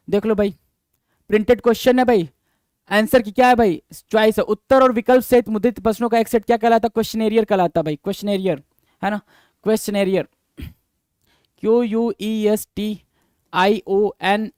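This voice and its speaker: Male teacher, high clear voice, dry close sound, drills words by repetition. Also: darkish tone, no echo. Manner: repetitive, addresses viewers as "bhai", quizzing questions; reads English definitions slowly, then explains. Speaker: exam vocabulary teacher. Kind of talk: lecture-style teaching.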